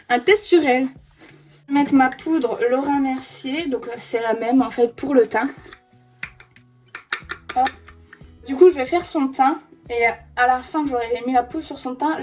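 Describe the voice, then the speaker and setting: A woman's voice: high-pitched, warm tone. A young woman in her twenties chatting casually through a makeup tutorial as she does a friend's face, saying "hop" as she applies each product. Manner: chatty, says "hop" while applying makeup. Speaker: beauty vlogger. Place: indoors doing makeup on a friend.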